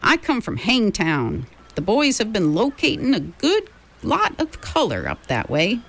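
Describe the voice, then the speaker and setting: A chatty, eccentric frontier gold miner, put on by a woman reading aloud, drawling his folksy talk in a raised, lively voice that leaps up and down. He sounds cheerful and easygoing, a storybook prospector. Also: medium pitch, a little slow, creaky, breathy edge, voice pushed up, full character voice. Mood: genial. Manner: drawling frontier dialect, talkative. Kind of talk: audiobook character voice.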